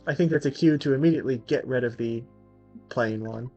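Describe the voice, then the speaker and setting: A man's voice: mid-range voice, fairly quick, dark tone, lo-fi sound, soft background music. A man co-hosting a casual let's play, reading the game text aloud and laughing often. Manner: amused, laughs often between lines.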